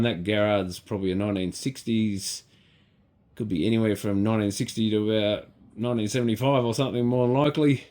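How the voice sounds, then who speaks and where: A man with an Australian accent and a fairly low, darkish voice presents his electronics repair channel. His hands-on commentary is casual and unscripted, with understated musings as he works.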